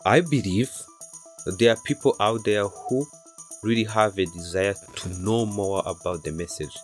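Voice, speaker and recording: A man in his thirties from Rwanda, a native Kinyarwanda speaker, answering interview questions softly and hesitantly with many fillers. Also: lowish voice, moderate pace, faint music behind. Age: 30s. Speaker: interview guest.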